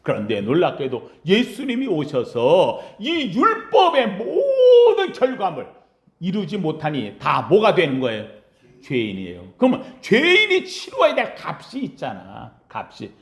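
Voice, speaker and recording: Male pastor, sermon. High voice, wildly animated delivery, call-and-response questions, loud-to-hushed swings, reverberant sanctuary. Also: unhurried. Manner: asks the congregation questions and answers them himself; swings between loud cries and hushed low lines. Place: church sanctuary. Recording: echoey church sanctuary.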